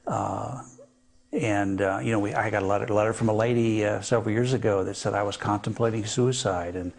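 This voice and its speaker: Older man, low gravelly voice, measured, hesitant, reflective interview. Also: fairly even intonation. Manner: measured, hesitant with frequent fillers. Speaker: interview guest.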